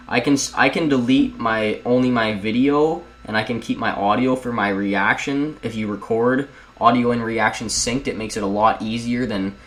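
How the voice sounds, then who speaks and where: Low-voiced young man rambling tutorial. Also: fairly bright tone, slight background noise, low-quality recording. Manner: rambling, chatty, keeps addressing viewers as guys. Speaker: video editing tutorial host. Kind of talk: casual screen-recorded tutorial. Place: at home.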